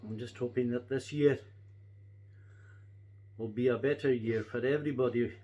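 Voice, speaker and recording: A man's voice: mid-range voice, fairly even intonation, normal speed, warm tone, dull audio. A middle-aged or older Scottish man chatting casually to camera, reminiscing in a rambling, folksy and reflective way. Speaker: pipe-smoking vlogger.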